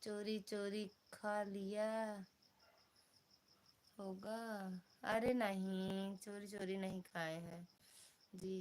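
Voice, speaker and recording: A woman from Uttar Pradesh, India, with an Awadhi accent, live-streams casually from her phone at home, teasing viewers by name despite being feverish and having a headache. Her mid-range, darkish voice barely shifts in pitch, and she talks very slowly with frequent pauses.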